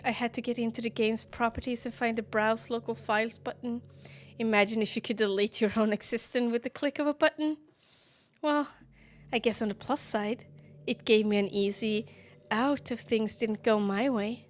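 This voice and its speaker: A woman reading aloud the dialogue of a lovestruck, self-aware teenage game girl, in a soft, earnest, affectionate way. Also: a little high, fairly even intonation, moderate pace, close to an everyday voice.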